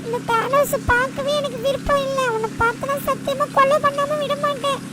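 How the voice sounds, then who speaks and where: Brief: a scared pleading cartoon boy, very high-pitched, distant in loud game noise. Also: fairly even intonation, a little fast. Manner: pleading, panicky.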